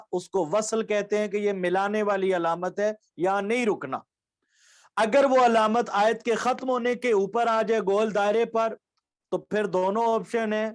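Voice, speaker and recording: A man from Pakistan with a fairly high voice teaches Quranic recitation in an online lecture. He explains patiently, going over each rule again with simple examples. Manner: patient, repeats key points and examples.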